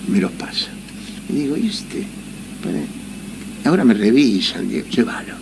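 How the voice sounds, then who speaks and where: A man's voice: lowish voice, lively intonation, moderate pace, creaky, background noise. A man with an Argentine accent telling a casual anecdote, laughing often and acting out the voices of people in his story. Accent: Argentine Spanish.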